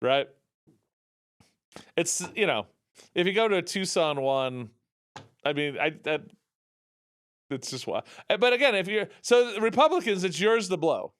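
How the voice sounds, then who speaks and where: Talk host, male, high lively voice, sarcastic rambling rant, dry studio sound. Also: unhurried, pauses often, clean tone, dry recording. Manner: animated, rambling, sarcastic, with many restarts. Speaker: radio talk show host. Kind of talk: opinionated political talk.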